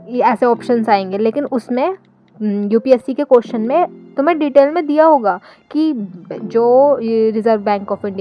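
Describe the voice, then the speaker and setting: A woman's voice: fairly high pitch, muffled recording. A woman in her twenties talking casually and earnestly, giving study advice in a vlog. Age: 20s. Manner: chatty and earnest, full of fillers. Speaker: study vlogger.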